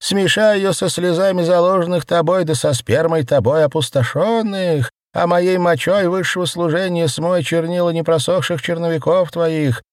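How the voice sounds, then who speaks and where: A man voicing a grotesque ragged woman who speaks in a hoarse, wheezing, exalted way. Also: on the high side, moderate pace, hardly any pauses, dry recording, studio quality, pitched above the performer's own voice, lightly acted.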